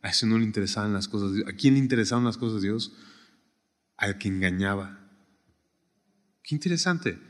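A man preaching a sermon, swinging from raised emphatic lines to quiet, hushed ones. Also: fairly quick, long pauses. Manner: animated preaching, rising high then dropping to a near hush. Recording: long hall reverb.

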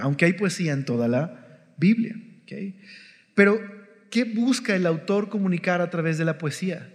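Man, Bible teacher, conversational, slightly higher voice, long hall reverb. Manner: conversational, keeps checking in with the listener.

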